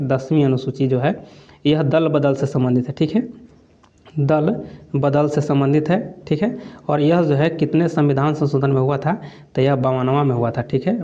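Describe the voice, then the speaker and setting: A man's voice: on the high side, mellow, muffled recording. A man going through exam quiz questions as a coaching teacher, repeating each answer and adding "theek hai" as a filler. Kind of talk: quiz lesson walkthrough.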